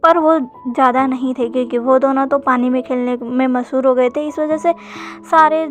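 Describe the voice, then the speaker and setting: A woman narrating a fan story in plain, unhurried storytelling. Her voice is high for a woman, and soft music plays faintly behind her. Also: fairly even intonation. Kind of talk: retelling fan fiction.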